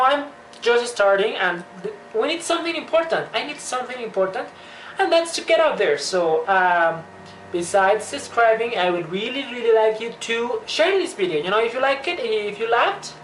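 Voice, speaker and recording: A young woman with a fairly high voice rattles through a comedic vlog with exaggerated, joking energy. She is recorded in an echoey room with a faint hiss underneath. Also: a bit bright. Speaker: vlogger.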